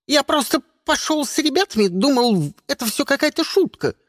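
A man voicing a frightened captured egg that wails and pleads in a high shrill voice. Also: expressive, moderate pace, fairly bright tone, no echo, studio quality. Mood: pleading.

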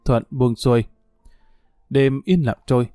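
A man calmly narrating a story as an audiobook reader. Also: mid-range voice, a little slow, dry recording, clean studio sound, soft background music.

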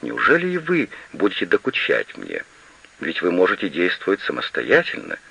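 A man's voice: low-pitched, wildly swooping pitch, moderate pace, creaky, pushed and bright, breathy edge, heavily acted. A man reading an audiobook and voicing a proud, demanding woman who owns an estate, on a slightly lo-fi recording. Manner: insistent and demanding. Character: proud, pleading, imperious woman estate owner.

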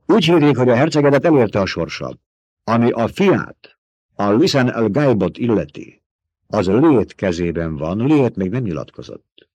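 Audiobook: sharp-tongued male desert fighter, mocking, pitched up and forceful, read by a man. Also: sing-song, husky, no echo, muffled recording. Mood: scornful. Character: proud blunt male desert warrior, scornful.

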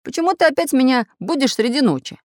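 A bossy little iron craftsman who barks orders in a raised, lively voice, put on by a woman reading a storybook. He is loud and a bit grumbly. The recording is close and dry. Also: high-pitched, quick pace, no room sound, pitched above the performer's own voice. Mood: grumpy sleepy. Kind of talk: storybook narration.

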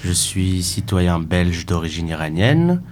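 A man introduces himself as a guest activist on a radio show in a studio. His voice sits low, and his delivery is calm and measured. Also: slight background noise. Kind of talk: radio interview.

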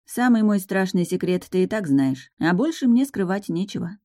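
A woman's voice: medium pitch, animated, normal speed, warm tone, no echo, studio quality, voice pushed up, close to an everyday voice. A woman voicing a blunt, practical young witch heroine in a matter-of-fact way. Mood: plain. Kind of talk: audiobook narration.

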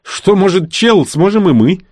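A man's voice: medium pitch, animated, fairly quick, darkish tone, husky, no echo, clean studio sound, voice pushed up. A man voicing a proud, headstrong young witch in an audiobook, snappish and insistent. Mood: defiant. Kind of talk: audiobook character reading.

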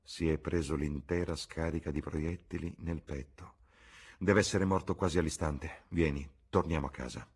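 A man reading aloud, voicing a cynical aristocratic gentleman who speaks slowly and coolly. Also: steady tone, husky, heavily acted. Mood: grave. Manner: slow, low, drawling.

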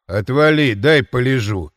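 A surly young drunk slurs and sneers his way through each line, as a man reading an audiobook puts him on. Words come slow and heavy, recorded dry and close. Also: mid-range voice, expressive, no echo, natural voice. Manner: slurred, sluggish, sneering.

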